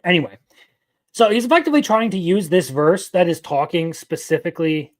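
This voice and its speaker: A man in his twenties with a high, expressive voice hosts a live-stream as an anime news commentator, talking briskly. He's opinionated and rambling, answering his chat as he goes.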